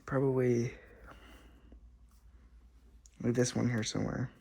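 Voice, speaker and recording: A man's voice: medium pitch, flat delivery, slow, gravelly, mellow. A man narrating casually to himself as he installs hardware, breathing hard. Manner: muttering to himself while working. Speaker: tech vlogger.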